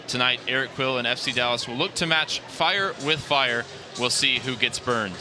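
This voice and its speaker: A man's voice: medium pitch, music in the background. Polished male radio play-by-play announcer. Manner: brisk, polished, statistics-heavy delivery. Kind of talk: radio sports broadcast. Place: stadium broadcast booth.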